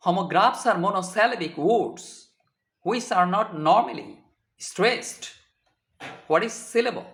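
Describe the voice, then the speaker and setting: A man's voice: high voice, very slow, creaky, a bit bright, reverberant. A man teaching English vocabulary, who spells words out letter by letter and translates each example. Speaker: English tutor. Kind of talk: slow deliberate vocabulary lesson.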